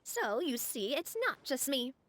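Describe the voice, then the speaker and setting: A woman's voice: sits high, animated, measured pace, a bit bright, dry recording. A woman playing a cheerful, outgoing young woman who talks in an upbeat, persuasive way in a video game.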